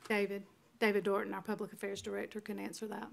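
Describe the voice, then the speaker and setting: A woman's voice: mid-range voice, monotone, fast. A woman reading out agenda items formally as an official at a council meeting. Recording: clearly noisy meeting-room recording.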